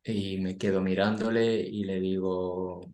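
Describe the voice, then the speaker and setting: Guest, man in his forties, low pitch, storytelling, echoey room. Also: flat delivery, measured pace, darkish tone. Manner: recounts dialogue, frequent tag questions. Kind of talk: storytelling anecdote.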